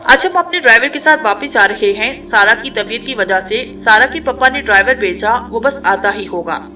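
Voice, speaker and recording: A woman's voice: a little high, expressive, normal speed, pushed and bright, faint music behind. A woman voicing an earnest teenage schoolgirl explaining her friend's illness.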